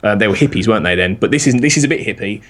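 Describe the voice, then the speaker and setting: A man's voice: fairly low pitch, animated, very fast, a bit bright. A man, a podcast guest, rambling in casual chat and laughing often.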